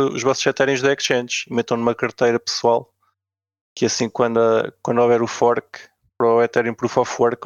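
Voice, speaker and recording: A man's voice: mid-range voice, clean tone, no room sound, dull audio. A man with a European Portuguese accent hosting a casual podcast, informal and often questioning. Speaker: podcast host.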